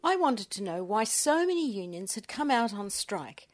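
A woman reporter giving a measured, reflective scripted narration. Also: mid-range voice, very animated.

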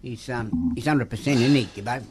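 A man's voice: mid-range voice, animated, a little fast, crowd noise. A man with an Australian accent bantering on a radio panel in a matey, wisecracking way. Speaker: radio show regular.

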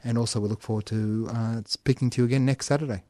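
A man's voice: medium pitch, steady tone, quick pace, dark tone, dry recording. A male radio show host talking earnestly in an interview, with some restarts.

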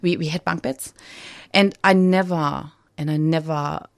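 German woman guest on community radio, deep creaky voice, lots of ums and restarts. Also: steady tone, a little slow, dry recording. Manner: hesitant, many fillers and restarts. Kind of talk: personal recovery story on radio. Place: radio studio. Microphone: studio microphone.

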